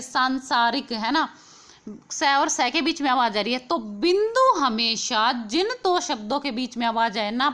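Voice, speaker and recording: Bright-voiced woman teaching a quiz. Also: fairly high pitch. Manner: explains patiently, repeats key points, asks the viewer questions. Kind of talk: online quiz lesson.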